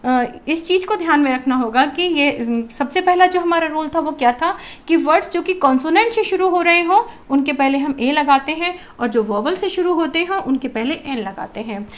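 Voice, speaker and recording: A woman's voice: high-pitched, expressive, normal speed. A woman teaching a grammar lesson to children, asking a question and answering it herself. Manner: addresses viewers as children.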